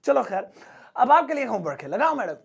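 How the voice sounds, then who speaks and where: Gravelly, high-voiced man teaching English. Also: big pitch swings, a little fast. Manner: jokey, acts out scolding teachers and kids. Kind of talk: playful Hindi English lesson.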